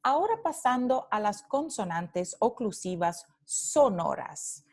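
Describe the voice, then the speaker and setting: A woman's voice: medium pitch, big pitch swings, slow pace, darkish tone. A woman teacher giving a recorded phonetics lecture, explaining step by step and repeating example sounds and words, with short asides in English.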